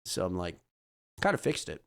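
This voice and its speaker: A young man hosting a casual chat, sick and raspy, relaxed and full of fillers, trailing off quietly. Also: low-pitched, moderate pace. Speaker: podcast host.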